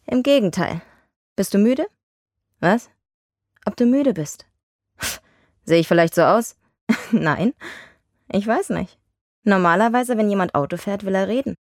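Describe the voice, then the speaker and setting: A woman's voice: medium pitch, darkish tone, no room sound, clean studio sound. A woman voicing a wry police officer in dubbed film dialogue, bickering and teasing on patrol.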